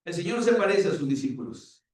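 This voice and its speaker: Man, pastor, sermon, mellow voice, very echoey hall, distant mic. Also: high voice, fast. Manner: retells scripture in lively acted-out dialogue. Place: church.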